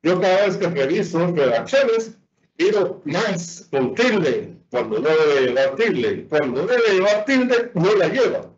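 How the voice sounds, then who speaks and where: A man's voice: high voice, big pitch swings. A male teacher giving a virtual lecture on spelling rules, asking and answering his own questions and drawing out the example words. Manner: drawn-out emphasis on example words. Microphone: computer mic on a video call. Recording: dull lo-fi online lecture audio.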